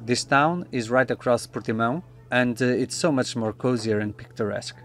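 A man in his thirties narrating a sailing travel vlog in a relaxed, matter-of-fact voice-over. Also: mid-range voice, moderate pace, loud music behind the voice. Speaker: sailing vlogger.

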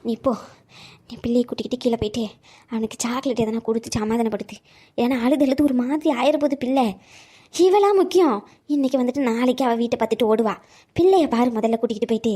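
A woman voicing a frail elderly grandmother who talks in a soft, tired and coaxing way in a cartoon. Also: a little high, quick pace, husky. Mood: weary. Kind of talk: cartoon voice acting.

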